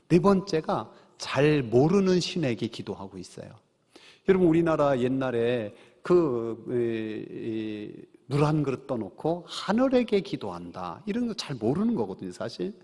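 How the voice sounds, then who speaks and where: Male pastor preaching, kinda husky, voice bounces up and down a lot, big echoey church. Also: medium pitch, darkish tone. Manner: earnest preaching, asks the congregation questions. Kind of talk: sermon. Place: church sanctuary. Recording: husky voice in a long church reverb.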